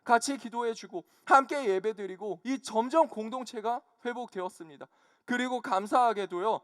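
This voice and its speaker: Young male preacher, earnest testimony, very high clear voice, dry close mic. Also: no echo. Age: young adult. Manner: earnest personal testimony with frequent polite -요 pauses. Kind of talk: sermon.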